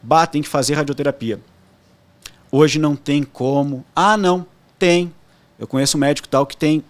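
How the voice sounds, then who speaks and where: A man's voice: on the high side, moderate pace. A young man with a southern Brazilian accent, a podcast guest telling a story casually and acting out the voices of the people in it. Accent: southern Brazilian, Rio Grande do Sul. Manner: animated storyteller acting out quoted dialogue.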